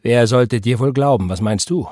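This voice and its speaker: A man's voice: mid-range voice, normal speed, a little mellow, no echo, clean studio sound, close to an everyday voice. A man reading the part of an angry, self-righteous preacher who speaks in an indignant, defensive and scornful way.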